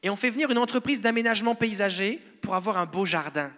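Bright-voiced French man preaching. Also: sits high, quick pace. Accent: French (France). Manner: conversational, playful preaching. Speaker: pastor. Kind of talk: sermon. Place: church hall. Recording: reverberant church hall.

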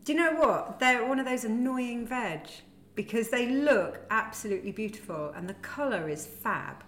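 Giggly woman, lively pitch. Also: normal speed. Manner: giggly and animated, laughs often. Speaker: podcast co-host. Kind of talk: casual comedic chat. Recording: roomy echoey room with faint noise.

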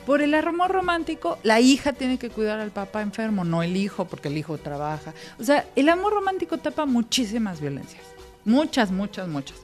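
Animated Mexican woman podcast host. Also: on the high side, brisk, soft background music. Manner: animated, emphatic, swears freely. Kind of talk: casual chat.

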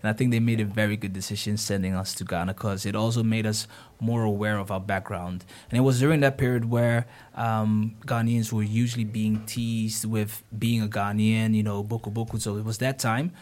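Relaxed young man, halting and easygoing. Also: fairly low pitch. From Netherlands. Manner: relaxed, hesitant with many restarts. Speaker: guest. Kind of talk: casual interview.

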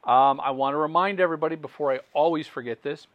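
A man hosts a music business podcast, talking fast in a friendly, conversational interview style full of ums and repeated words. His voice is a little high, and the audio is dull with no room sound.

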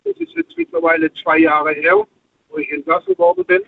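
A man's voice: very high-pitched, wildly swooping pitch, a little fast, vocal fry. Man on a truck speakerphone. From Heidelberg area, Germany. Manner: hesitant, many fillers. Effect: truck hands-free speakerphone. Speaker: caller. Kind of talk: casual call-in chat. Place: truck cab. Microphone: hands-free car kit. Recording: tinny, dropping phone line with faint noise.

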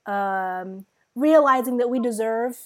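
A woman's voice: fairly high pitch, slow. A young woman from Sudan co-hosting a podcast, talking in an earnest, emphatic way with fillers. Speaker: podcast co-host. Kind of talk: casual podcast chat.

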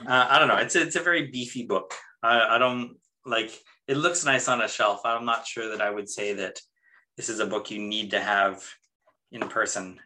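Bright, talkative man explaining comics. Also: medium pitch, steady tone, moderate pace, rough recording. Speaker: podcast co-host. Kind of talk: casual book-club chat.

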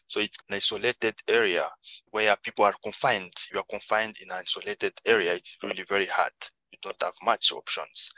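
Guesting on a podcast, a social entrepreneur from the Democratic Republic of Congo reflects earnestly in accented, non-native English. His fairly low voice is pushed and bright; the recording has no room sound but is low in quality.

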